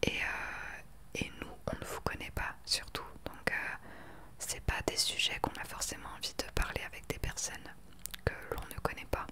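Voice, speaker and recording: A woman in her late twenties talking earnestly and with conviction in a soft whispered ASMR chat into a desktop microphone. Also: normal speed. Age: 20s. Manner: earnest, opinionated. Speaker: ASMR creator. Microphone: desktop USB microphone.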